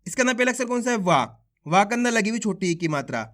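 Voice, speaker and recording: A man teaching Hindi reading in a voice-over, sounding out each letter and then saying the joined word louder, patient and encouraging with his viewers. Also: high-pitched, big pitch swings, fast. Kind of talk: slow spelled-out phonics lesson.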